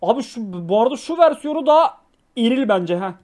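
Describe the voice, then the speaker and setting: A young man streaming live, reacting to clips with loud exclamations, mock scolding and swearing. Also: very high voice, animated, fairly quick, over loud music.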